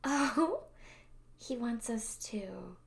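A woman's voice: on the high side, expressive, drawn-out words, gravelly, heavily acted. A woman voicing a shy younger sister in an adult audio roleplay, whispering hesitantly and breathily.

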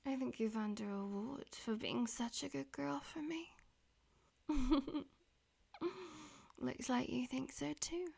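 A woman voicing a dominant, teasing female demon in an audio roleplay, speaking mostly in breathy, domineering whispers. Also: high voice, fairly even intonation, takes it slowly, pauses often, darkish tone, exaggerated voice.

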